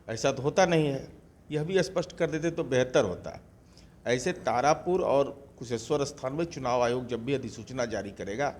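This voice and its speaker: A man speaking as a party spokesperson in a news interview, combative and rhetorical, firing pointed questions at a political rival. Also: a little high.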